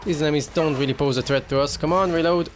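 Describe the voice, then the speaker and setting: A man's voice: on the high side, steady tone, fast talker, noisy background. Casual male gamer narrating his playthrough. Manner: casual, talks himself through the action. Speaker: video game let's player. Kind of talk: gameplay commentary, reading in-game documents aloud.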